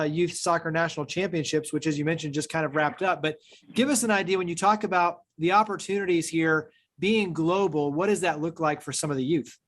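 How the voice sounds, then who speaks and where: A man's voice: a little high, fairly bright tone. A male radio show host leading an interview with upbeat, guiding questions.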